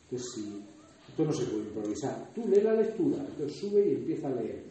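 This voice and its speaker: A liturgy trainer from Murcia, Spain, with a Murcian accent, gives a conversational lecture to a workshop group, explaining through examples and asides. His warm, mid-range voice moves a little fast with big pitch swings, captured on a distant mic in an echoey hall with dull sound.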